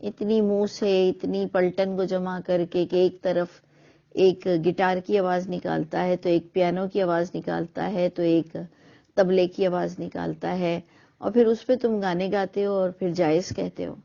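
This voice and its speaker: A woman's voice: lowish voice, little pitch movement, vocal fry, mellow. A middle-aged woman giving an earnest, argumentative monologue full of rhetorical questions. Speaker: speaker on religious questions. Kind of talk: reflective monologue. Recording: dull lo-fi recording.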